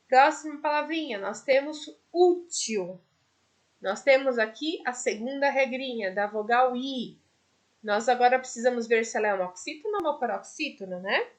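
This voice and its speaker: A woman with a Brazilian Portuguese accent teaches a primary school class in a recorded video lesson, patiently explaining each step. Her voice is high-pitched and a bit bright.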